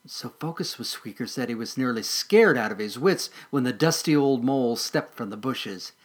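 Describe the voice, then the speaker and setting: His voice is medium-pitched and husky as he reads a children's story in a gentle, expressive storytelling style. At the sad parts, he slows down and speaks more softly.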